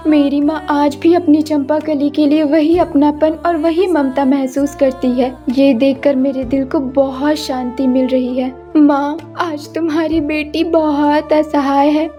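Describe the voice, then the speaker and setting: A woman's voice: sits high, dark tone, lo-fi sound. A woman voicing a sorrowful young woman trapped as a flower in a cartoon story, speaking in a wistful inner monologue.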